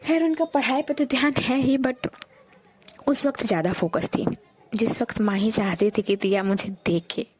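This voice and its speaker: A woman's voice: fairly high pitch, fairly even intonation, normal speed, darkish tone, husky. A woman narrating an audio love story in a casual, chatty way, often speaking straight to her listeners. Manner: chatty, addresses listeners directly.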